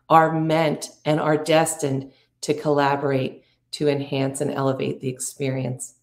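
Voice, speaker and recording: A middle-aged woman hosting an inspirational talk, speaking in slow, drawn-out, reflective phrases and inviting the listener to breathe. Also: sits low, darkish tone, roomy sound. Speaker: podcast host and spiritual coach.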